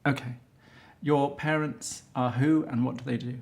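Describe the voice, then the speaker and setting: A man's voice: medium pitch, steady tone, moderate pace, vocal fry. A middle-aged man hosting a casual interview, chatty and teasing, laughing easily. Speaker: interviewer, fashion photographer.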